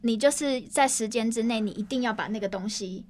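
A woman in her thirties with a Taiwanese Mandarin accent talks quickly in a high, bright register. She chats casually as a podcast co-host and slips into put-on voices when she quotes people. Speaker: co-host, former TV news worker.

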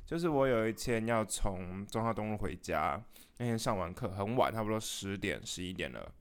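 A man's voice: fairly low pitch, expressive, normal speed, clean tone. A man, a podcast co-host who teases his partner in casual chat. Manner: teasing banter.

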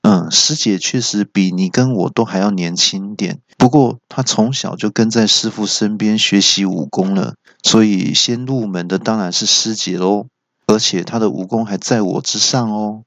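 A man voicing a calm, smiling male monk doctor who is a martial arts master, speaking slowly and gently. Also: on the low side, no echo, highs cut off. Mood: serene. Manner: slow, gentle, unhurried.

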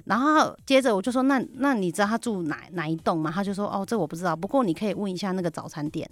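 A woman's voice: mid-range voice, quick pace, dry recording. A woman on a radio talk show, recounting an anecdote in casual chat and acting out the people she quotes. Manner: animated storyteller, acts out quoted dialogue. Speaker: real estate agent guest. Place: radio studio.

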